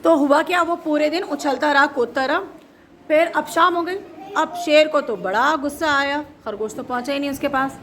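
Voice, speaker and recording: A high-voiced woman tells a story to a group of children indoors, keeping it lively and asking them questions along the way. A faint hiss of noise sits under her voice. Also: moderate pace.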